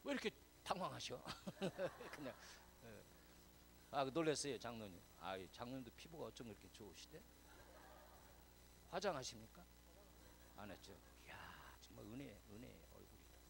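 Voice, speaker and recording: A man preaches in a loose, conversational way, teasing and quizzing the people in front of him. His gravelly voice swings widely in pitch, from hushed whispers to loud bursts. A faint hum of room noise sits under the sermon. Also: sing-song, normal speed. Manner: chatty, teasing, quizzes the congregation; drops to whispers, swells loud for emphasis. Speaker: pastor.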